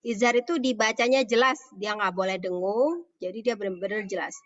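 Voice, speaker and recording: A woman teaching tajwid, drilling each phrase slowly several times with quick explanations in between. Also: medium pitch, dry recording, lo-fi sound. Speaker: Quran recitation teacher. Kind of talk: online tajwid lesson.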